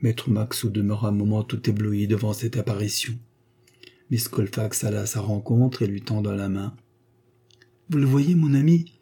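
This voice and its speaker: A man reading a classic novel aloud in a measured, theatrical narration. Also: on the low side, level tone, vocal fry, dark tone, breathy edge. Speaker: audiobook reader.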